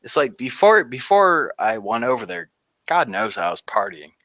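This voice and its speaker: This Army veteran, a man in his thirties, tells his war story loosely in an interview, leaning on "like" and chuckling at dark moments. He speaks at a normal pace in a sing-song, mid-range, slightly bright voice. The recording has no room sound.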